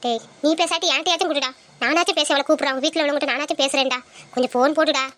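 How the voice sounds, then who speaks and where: A woman's voice: high-pitched, fairly even intonation, very fast, fairly bright tone. A woman as a scolding, insistent grandmother. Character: worried grandmother nagging her son. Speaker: mother of the father. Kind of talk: home drama acting.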